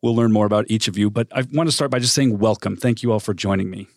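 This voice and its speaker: A man hosting a studio panel interview, speaking in a measured way with pauses and restarts. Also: on the low side, a little mellow, no room sound. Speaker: host.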